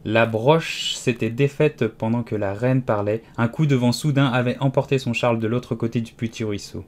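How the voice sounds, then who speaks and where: A man narrates a storybook with measured, expressive delivery. His voice is of average pitch for a man and reads the story steadily. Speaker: audiobook reader. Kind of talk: scripted audiobook narration.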